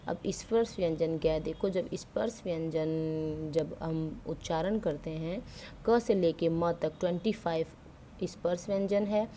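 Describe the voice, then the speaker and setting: Woman, teacher, grammar lesson, asks and answers her own questions, mixes in English words, mellow tone, faint background noise. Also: sits low, a little slow. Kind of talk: explaining Hindi grammar to school students.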